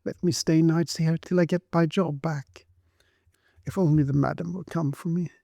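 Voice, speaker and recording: Here a male narrator voices a terrified servant girl in a storybook, her shrill, high, mellow-toned voice stammering out frightened pleas. The tone stays steady and a little creaky at normal speed, and the close, dry recording has no echo.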